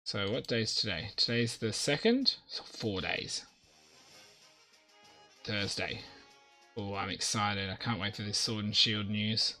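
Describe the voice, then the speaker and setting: A man's voice: fairly low pitch, animated, takes it slowly, pauses often, sharp tone, faint music behind. A man chatting casually to his viewers during a live game stream, rambling and talking straight to them. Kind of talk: casual live-stream chat while playing.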